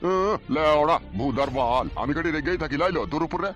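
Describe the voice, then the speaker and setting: Man voicing a swearing landlord father, rapid-fire talk, music behind. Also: mid-range voice, close to an everyday voice. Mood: angry. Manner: swears constantly, barking and scolding. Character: foul-mouthed hot-tempered middle-aged village father and landlord. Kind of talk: comic audio drama. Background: background music.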